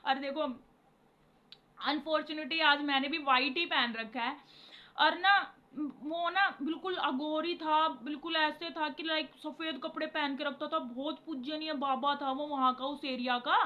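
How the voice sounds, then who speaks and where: A woman's voice: sits high, steady tone, measured pace, bright, forceful tone, lo-fi sound. A young woman vlogger telling a personal story to camera in a rambling, emotional way, often repeating herself and calling her viewers guys.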